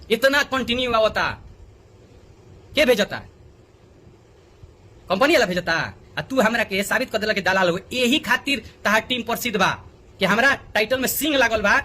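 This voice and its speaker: In a high, sharp voice, a Bhojpuri-accented man delivers a heated direct appeal on video, pleading indignantly and saying things again and again to drive them home.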